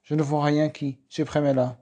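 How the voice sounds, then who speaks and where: A man's voice: a little high, flat delivery, moderate pace, mellow, lightly acted. A man reading aloud, voicing a stiff male lawyer who speaks formally and sounds offended. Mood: indignant.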